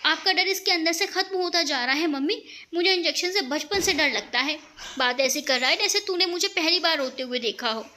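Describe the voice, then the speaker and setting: A woman's voice: very high-pitched, bright, forceful tone. A woman voicing a playful young woman who is sulky and whiny. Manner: whiny, pouting.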